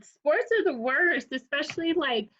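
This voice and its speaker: A young woman co-hosts a relaxed podcast and chats in a fairly high voice. She gets animated and puts on voices when she retells things. The audio sounds a little muffled and lo-fi. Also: unhurried. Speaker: podcast co-host. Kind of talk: casual chat.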